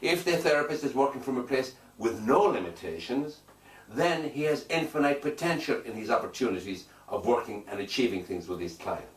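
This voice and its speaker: In an interview, a hypnotherapist with a mid-range, animated voice speaks slightly fast, making emphatic statements and repeating phrases for weight. The sound is echoey and faintly noisy, picked up from a distance.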